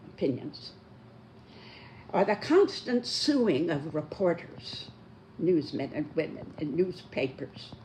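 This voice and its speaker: A very old speaker in their nineties delivers a prepared talk. The pace is slow, with deliberate phrasing and emphatic stress on key words. Faint noise and ambience sit behind the voice. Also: medium pitch, darkish tone. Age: 90s.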